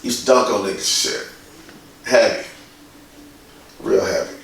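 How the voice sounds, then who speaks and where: A man's voice: lowish voice, fairly even intonation, measured pace, creaky, a bit bright, heavy reverb, far from the mic, poor audio. A man in his forties from Indiana, a guest in a casual interview, who tells stories bluntly and swears freely. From Indiana, USA. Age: 40s. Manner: blunt, profane, storytelling. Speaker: guest, graffiti artist.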